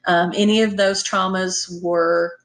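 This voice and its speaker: A woman's voice: fairly low pitch, level tone, unhurried. A woman giving a conversational lecture on veterinary emergency care, emphatic and often checking in with listeners. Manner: emphatic, checks in with "okay?" and "right?".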